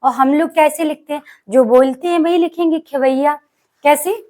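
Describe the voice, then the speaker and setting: A woman with a high voice leads an exam-prep spelling lesson as a teacher. She keeps asking the class questions and answering them herself. She draws out key words slowly to stress how they are spelled. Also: darkish tone.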